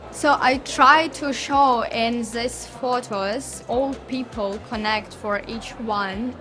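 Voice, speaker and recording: A woman speaks very slowly and thoughtfully, her voice a little high. Her phrasing is simple. Music sounds clearly behind her. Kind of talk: documentary interview. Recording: background music under speech.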